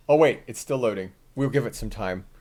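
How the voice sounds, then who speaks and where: A man hosting a live stream, chatting in a rambling, self-mocking way and thinking out loud while he works on his computer. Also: mid-range voice.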